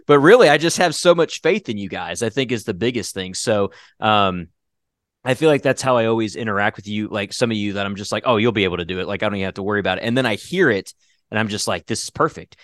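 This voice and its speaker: A man's voice: lowish voice, lively intonation, fast, a bit bright, no room sound, studio quality. A man hosting his own podcast, chatting casually, rambling with lots of fillers and restarts. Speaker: podcast host and writer. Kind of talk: casual chat.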